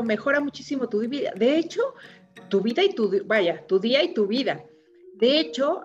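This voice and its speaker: A woman hosts a podcast in a mid-pitched voice, quick to agree with what she hears and build on it. The sound is dull and lo-fi, with faint music behind her. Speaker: podcast host. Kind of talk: podcast conversation.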